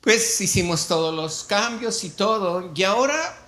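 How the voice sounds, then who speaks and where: A man with a Mexican Spanish accent, a pastor telling an animated story in a sermon and acting out the dialogue. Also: high voice, unhurried. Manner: storytelling, animated, acts out dialogue with shifting volume.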